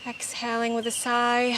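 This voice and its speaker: Woman yoga teacher, slow measured breath cues n chanting, kinda high voice, noisy recording. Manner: unhurried, measured cueing in short phrases. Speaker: yoga instructor.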